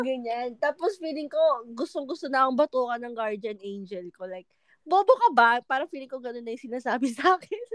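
A woman in casual chat, talking in an animated way and laughing often. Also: fairly high pitch, fairly quick, few pauses, no room sound. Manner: animated, laughing, Taglish chatter.

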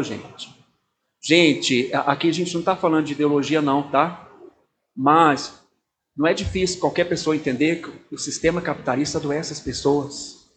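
Chatty Brazilian pastor, higher-pitched man. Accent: Brazilian Portuguese. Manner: conversational, keeps turning to listeners with tag questions. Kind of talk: informal talk to an audience.

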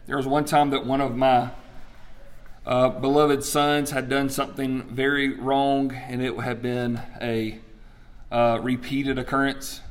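A male pastor in his forties preaching a sermon, telling stories and asking the congregation questions. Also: medium pitch. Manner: storytelling, emphatic, asks the crowd questions.

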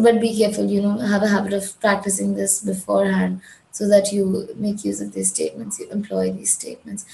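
With a creaky, dark-toned mid-range voice, a Gujarati-accented Indian woman gives an IELTS speaking lesson as a tutor, direct and firm, restating the main points. The audio is rough and full of reverb.

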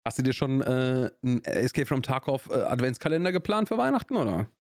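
This podcast co-host is a young Augsburg native whose Swabian German accent colors a brisk, medium-pitched voice with big pitch swings. The casual chat rambles loosely with fillers and restarts, recorded in studio quality without room sound.

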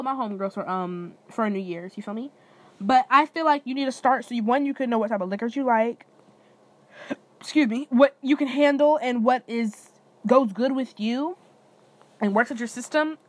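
A woman's voice: a little high, no echo. A woman, talking loose and slangy with plenty of cursing, calling her listeners y'all. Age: 20s. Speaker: podcast host. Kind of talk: casual solo podcast chat.

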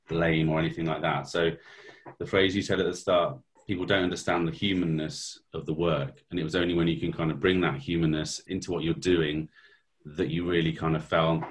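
A man hosting an interview, reflecting back on what the guest said in a thoughtful, meandering way. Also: rumbling low. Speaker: podcast host.

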